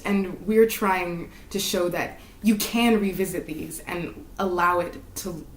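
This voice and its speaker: A woman talking earnestly about staging and movement in a casual interview, with nervous giggles. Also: mid-range voice. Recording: echoey room, a bit far from the mic.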